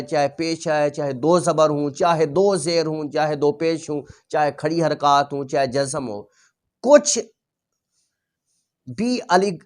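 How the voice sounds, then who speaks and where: A male Quran teacher explaining a reading lesson patiently, repeating each rule and sounding out letters slowly. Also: on the high side.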